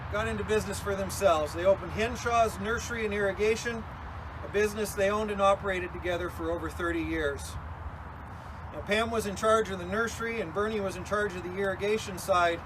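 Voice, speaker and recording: A man officiating a funeral, delivering a eulogy in a conversational, folksy way with casual asides. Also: high voice. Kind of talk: eulogy at a graveside service. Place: outdoors at a graveside. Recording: clear outdoor noise, passing vehicles. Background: outdoor ambience and vehicle noise.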